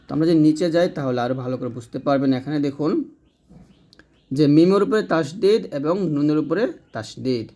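A man's voice: fairly high pitch, fairly quick, warm tone. A man teaching Quran reading step by step, patiently repeating and demonstrating letter sounds. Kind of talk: step-by-step lesson.

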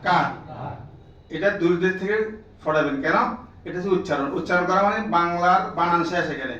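High-voiced man lecturing in an echoey room. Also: fast, sharp tone, recorded from a distance, muffled recording, a little hiss or hum. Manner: drills the room with repeated questions, prods listeners. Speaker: teacher trainer. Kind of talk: classroom lecture to teachers.

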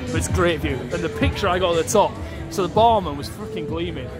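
A man's voice: a little high, fast talker. A man with a faded Yorkshire accent, talking in a tipsy, rambling, chatty way for a casual vlog. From Yorkshire, England. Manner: chatty, rambling, laughs often. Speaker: travel vlogger. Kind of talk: casual walk-and-talk vlog. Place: busy outdoor pedestrian street at night. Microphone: handheld phone. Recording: loud music and crowd noise behind.

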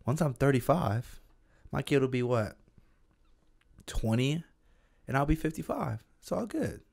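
A man's voice: mid-range voice, big pitch swings, measured pace, vocal fry, a little mellow. A twenty-five-year-old man co-hosting a podcast, chatting bluntly and swearing casually, close on a studio mic in a small room. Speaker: podcast co-host. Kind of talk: casual chat. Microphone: studio mic on boom arm, wearing headphones.

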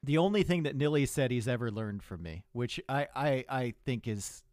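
A man's voice: mid-range voice, normal speed, no echo, clean studio sound. Guy casting an esports match, bouncy voice that jumps up when the action heats up, joking around. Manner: lively, teasing, rises sharply when excited. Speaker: caster. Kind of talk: esports commentary.

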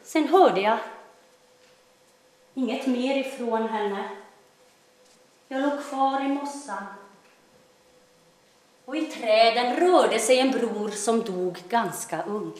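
An actress performing a theatrical monologue as a troubled woman who claims to be God's daughter. She is wry and swings between loud bursts and hushed telling. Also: on the high side, long pauses, natural voice. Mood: storytelling. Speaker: stage actor in a monologue. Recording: very echoey stage room.

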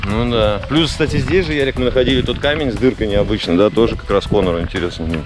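Chatty low-voiced man outdoors. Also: fast. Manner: chatty, enthusiastic, many fillers. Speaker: vlogger touring a building site. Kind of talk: casual walk-and-talk. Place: outdoors in the jungle. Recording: loud music over the voice.

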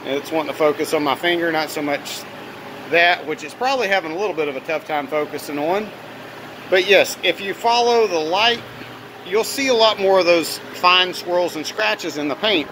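Male auto detailer, high-pitched, casual walkaround narration, voice raised over steady fan noise in a garage workshop. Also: normal speed. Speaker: auto detailer presenting own work. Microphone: handheld phone camera, operator behind it. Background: running fan.

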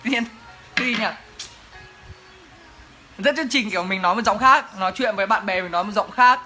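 A man's voice: high voice, brisk, sharp tone, faint music behind. A young man, chatting playfully in a casual Q&A vlog. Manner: playful, joking, chatty with laughs. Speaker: vlogger. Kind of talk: casual Q&A chat to camera.

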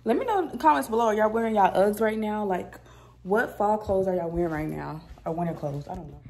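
Talking fast with some vocal fry, this young vlogger has a medium-pitched, darkish voice, and a faint hiss or hum runs under the recording. She chats to her viewers, whom she calls y'all, while moving around her apartment kitchen and living room, phone held out at arm's length.

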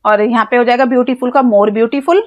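A woman's voice: fairly high pitch, steady tone, normal speed, lo-fi sound. Indian woman teaching grammar, step by step. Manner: explains step by step, spelling words out letter by letter; asks questions to the viewer, then answers them herself. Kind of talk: classroom-style grammar lesson.

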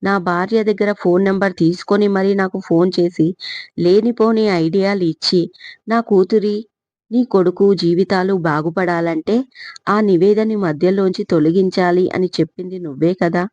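A woman's voice: on the low side, fairly even intonation, moderate pace, darkish tone, dry recording, close to an everyday voice. A woman voicing a blunt, evasive man on a phone call, talking in a cold and dismissive way. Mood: defensive. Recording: slightly dull lo-fi recording.

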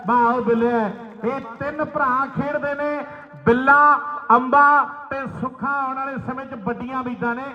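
Man, very high forceful voice, excited rural sports commentary, repeated calls, echoey. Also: fairly quick, lo-fi sound, music in the background. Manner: excited, repeats names and phrases. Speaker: kabaddi match commentator and announcer. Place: outdoor village sports ground.

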